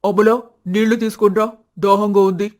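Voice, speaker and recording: A blunt young husband talks in a lowered voice, with a woman putting him on. He sounds brusque and matter-of-fact. The story is an animated storybook. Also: normal speed, natural voice. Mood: plain. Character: young working husband, blunt and plain-spoken.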